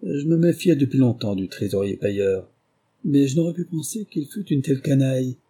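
A man reading aloud, voicing a sly, confident male English detective in a lively, ironic manner. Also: normal speed, breathy edge. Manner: higher, lively, ironic delivery.

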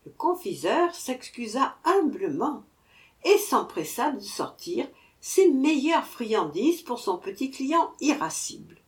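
A woman narrating a fairy tale in an expressive storybook reading. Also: high voice. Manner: expressive, unhurried.

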